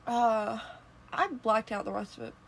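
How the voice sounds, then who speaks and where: A young woman, co-hosting a casual podcast chat and telling animated stories. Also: fairly high pitch, measured pace, gravelly, slight background noise, rough recording. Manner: animated, laughing storyteller. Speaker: podcast co-host.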